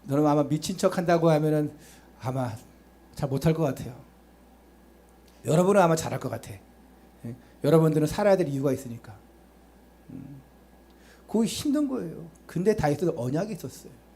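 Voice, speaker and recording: A man's voice: on the high side, expressive, a little fast, pauses often, dark tone, breathy edge. A male pastor preaching a sermon, urging the congregation with rhetorical questions and chatty asides to them.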